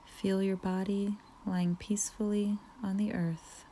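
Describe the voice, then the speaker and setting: A woman leading a guided relaxation meditation, speaking softly with frequent whispered phrases and long pauses. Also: mid-range voice, flat delivery, a little hiss or hum. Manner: slow, soft, partly whispered, soothing pauses.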